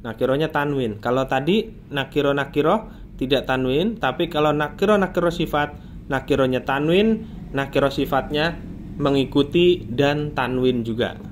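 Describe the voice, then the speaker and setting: A man's voice: on the high side, moderate pace, slight background noise. Patient Indonesian-speaking Arabic teacher, man. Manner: patient, quizzes and corrects the student. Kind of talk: Arabic grammar lesson.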